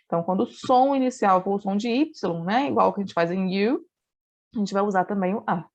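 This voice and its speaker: A woman's voice: medium pitch, brisk, darkish tone. Brazilian Portuguese woman teaching English. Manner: patient explaining with frequent "né?" and "então". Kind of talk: recorded online class. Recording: dull lo-fi recording.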